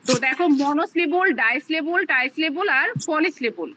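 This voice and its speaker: A woman's voice: sits high, animated, a little fast, bright, forceful tone, lo-fi sound. A woman teaching a live online class, explaining step by step with plenty of fillers. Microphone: video call.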